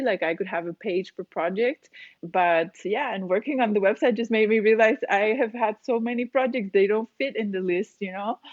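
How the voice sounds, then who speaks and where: A cave diving instructor in her forties is a guest in a casual interview, chatty and explanatory and laughing often. Her mid-range voice is a little mellow, with no echo on the lo-fi recording.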